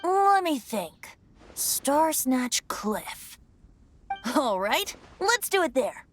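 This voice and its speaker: An actor playing a youthful, gentle, breezy male bard in a video game, with a light boyish voice. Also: very high-pitched, very animated, extremely slow, slight background noise, full character voice. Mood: thoughtful. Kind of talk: video game character acting.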